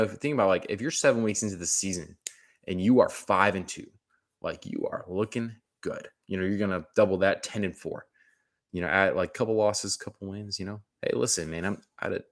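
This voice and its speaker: A man with a very deep voice talks football in a loose, rambling way. He piles on slang like "man", "dude" and "bro" and often restarts his sentences. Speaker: sports commentator. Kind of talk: casual sports talk.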